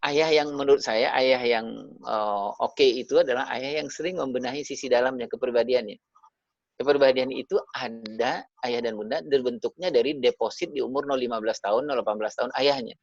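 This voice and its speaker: A man with a gravelly, creaky voice talks parents through a webinar over a video call. He addresses them directly and sprinkles tag fillers between his points. The sound is dull and lo-fi, with a dry, close feel. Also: medium pitch, fairly quick, no echo. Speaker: parenting speaker.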